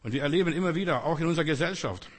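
Male preacher, fervent sermon delivery, slightly higher pitch, reverberant church hall. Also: racing. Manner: fervent, direct address with Bible quotes. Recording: long reverb in a large hall.

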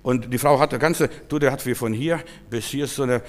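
A male pastor preaching a sermon, swinging from loud shouted proclamations to quiet storytelling. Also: mid-range voice, a little fast, big-room sound.

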